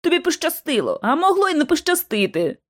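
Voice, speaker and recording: A woman's voice: high voice, very animated, brisk, pitched above the performer's own voice. A woman reading an audiobook, voicing a confident, cool, mocking young male agent. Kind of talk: audiobook narration.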